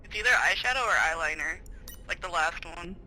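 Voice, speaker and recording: A man's voice: high-pitched, animated, fairly quick, sharp tone, a little hiss or hum, low-quality recording. A man playing along on a game stream, teasing his friends in casual, jokey chat. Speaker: co-player on stream.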